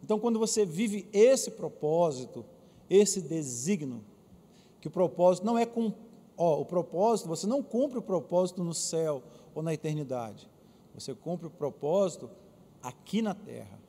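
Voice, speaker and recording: A man with a Brazilian Portuguese accent preaching a lively sermon as pastor, calling on the congregation to answer aloud. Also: a little high, normal speed, husky. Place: church auditorium. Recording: long reverb of a church hall.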